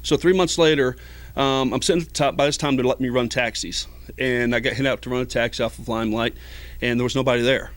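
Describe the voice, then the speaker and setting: A man's voice: mid-range voice, fairly even intonation, fast, fairly bright tone, no echo. Middle-aged man telling a story. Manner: rambling, many fillers, acts out quoted voices. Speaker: interview guest, ski patroller. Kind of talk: casual storytelling.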